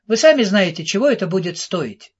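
A man voicing a brisk, impatient female manager who speaks curtly, in an audiobook. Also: high-pitched, expressive, slightly rough, muffled recording. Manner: curt, reproachful.

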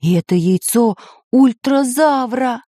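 A woman's voice: low-pitched, sing-song, unhurried, no room sound, studio quality, exaggerated voice. A woman voicing a learned, fussy male geographer who explains facts in a lecturing way.

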